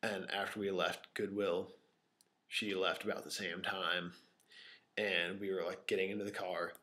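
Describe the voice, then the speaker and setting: A man's voice: deep voice, little pitch movement, measured pace, sharp tone. A young man telling rambling stories to his camera in a small empty room, with many fillers, sometimes dropping to a whisper. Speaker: vlogger. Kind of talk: unscripted casual storytelling to camera. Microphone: camera microphone.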